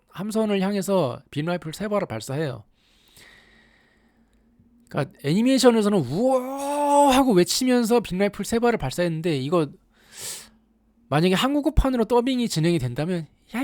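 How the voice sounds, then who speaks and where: A commentator telling a story in a casual, animated way, with exaggerated asides and rhetorical questions to the audience. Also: medium pitch, no room sound, studio quality. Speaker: YouTube anime commentator.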